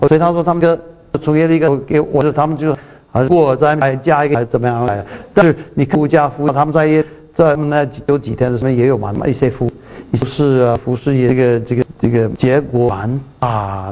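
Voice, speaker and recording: A man preaches at a middle pitch, teaching from a Bible passage. He circles back over his words, restarts phrases and keeps asking his listeners whether they follow. When he reads scripture, his voice lifts to stress key lines. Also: quick pace, darkish tone, rough recording. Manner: repetitive, restarts words, checks in with the audience; reads scripture aloud with lifted emphasis.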